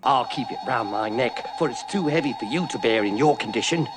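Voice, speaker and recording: An actor playing a loyal, earnest hobbit servant in an animated fantasy film, with theatrical delivery over a film score. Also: male voice, medium pitch, brisk, over music, natural voice. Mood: gently reluctant. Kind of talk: theatrical cartoon film acting.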